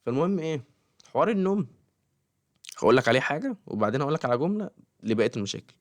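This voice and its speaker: A man's voice: mid-range voice, sing-song, rapid-fire, no room sound, studio quality. A man with an Egyptian Arabic accent giving casual study advice straight to camera, often checking that the listener follows him. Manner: keeps checking in with the listener, talks straight at them.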